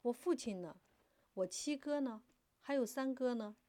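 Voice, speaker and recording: A woman's voice: fairly high pitch, measured pace, dry recording, pitched above the performer's own voice, close to an everyday voice. Woman voicing a fiery defiant young woman. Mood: anguished. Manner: impassioned, loud declaiming.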